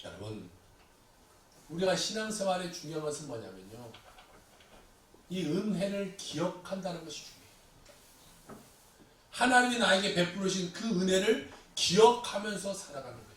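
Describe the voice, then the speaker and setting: A man preaching a Sunday sermon as pastor, animated and acting out prayers and everyday complaints. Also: high voice, normal speed, pauses often. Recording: echoey hall, distant mic, faint noise.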